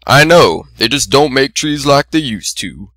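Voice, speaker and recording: A man's voice: mid-range voice, expressive, unhurried, fairly bright tone, no room sound, pitched above the performer's own voice. A man voicing a sheepish, glum big brother farm stallion with a plain-spoken, rustic, awkward manner in a story.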